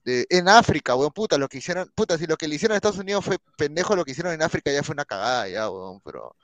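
A man's voice: on the high side, expressive, racing, dry recording. A man with a Peruvian Spanish accent, co-hosting a casual stream, slangy and swearing freely. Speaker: stream co-host. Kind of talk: casual chat.

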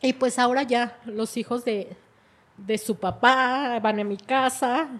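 A woman's voice: a little high, steady tone, takes it slowly, a bit bright. A middle-aged woman, telling her life story in an emotional way and often repeating her words. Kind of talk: personal testimony.

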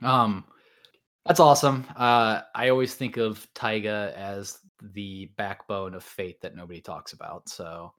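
A podcast host with a lowish, fairly bright voice chats casually about his hobby of visual novels and anime, speaking in a steady tone at a measured pace and often hedging his statements.

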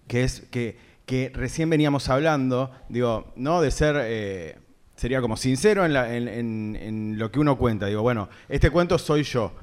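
A man, a writer guest speaking casually at a literary event, halting and full of restarts. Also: mid-range voice, smooth.

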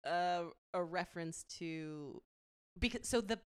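A woman's voice: lowish voice, unhurried, smooth, no echo. A woman co-hosting a casual movie chat, chatty, with many fillers and restarts. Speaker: podcast co-host.

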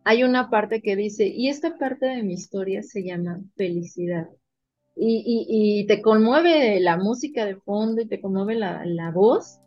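A woman with a Mexican accent, a veterinarian guest in an interview, telling her stories in an animated, emotional way. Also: mid-range voice, a little slow, lo-fi sound, soft background music. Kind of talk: casual interview storytelling.

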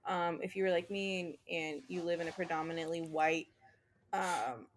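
A woman's voice: fairly low pitch, normal speed, slight background noise. A young woman chatting casually, earnest and reassuring, walking listeners through things step by step. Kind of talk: casual chat.

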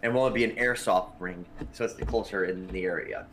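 A man's voice: lowish voice, a little fast, a bit bright, slight background noise. A man co-hosting a casual podcast, telling rambling stories full of swearing. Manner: profane, rambling storyteller. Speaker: podcast co-host.

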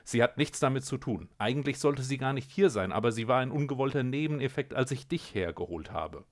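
A man voicing a grumpy, calm female cat in a storybook reading, speaking in a measured way. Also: mid-range voice, pitched above the performer's own voice, natural voice. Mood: cool.

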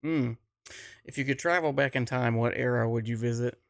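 A man with a gravelly, fry-laden voice at an everyday pitch, chatting loosely on a podcast. He jokes, laughs a lot and reads out comments from the chat. The sound is dry and close. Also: moderate pace, dry recording. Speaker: podcast co-host. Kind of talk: casual chat.

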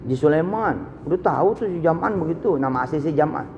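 A man preaching a live sermon, telling stories with sudden swings from low asides to high exclamations. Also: animated, fairly quick, long reverb tail, highs cut off, background noise. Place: large hall, live event.

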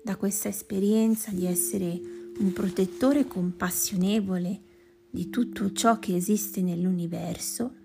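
A woman guides a meditation at a very unhurried pace, her soft voice often dropping into a whisper. Her tone carries a gravelly edge. Plucked guitar music plays clearly behind her. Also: medium pitch. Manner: slow, soft, partly whispered delivery.

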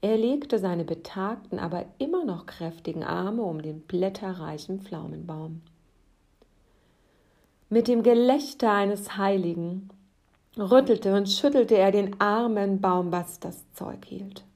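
Slow, softly spoken woman storyteller. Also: medium pitch. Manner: soft, calm, often sinking to a whisper.

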